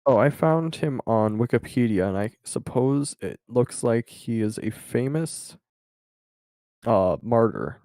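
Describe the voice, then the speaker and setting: A man's voice: medium pitch, expressive, takes it slowly, warm tone, dry recording. A young man co-hosting a casual podcast chat, musing in a loose, thoughtful way. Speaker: podcast co-host.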